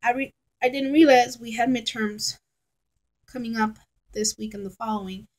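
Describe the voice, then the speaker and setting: High-voiced woman rambling to her webcam. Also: steady tone, moderate pace, rough recording. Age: 30s. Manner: rambling, chatty, frank and exasperated. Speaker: vlogger. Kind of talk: casual rambling vlog. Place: bedroom at home, indoors. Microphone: laptop webcam at close range.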